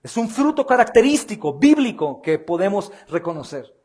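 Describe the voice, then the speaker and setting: Fervent Mexican pastor, fairly high voice. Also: male voice, sing-song, normal speed. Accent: Mexican Spanish. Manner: fervent preaching, swings between loud emphatic bursts and low intense asides; addresses listeners often as brothers. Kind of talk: sermon.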